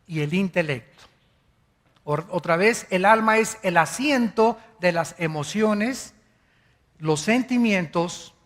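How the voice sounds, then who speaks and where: A man's voice: sits high, fairly bright tone, long reverb tail. A man preaching a sermon as pastor, teaching like a teacher, spelling out words letter by letter and asking his listeners questions. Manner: asks the congregation questions.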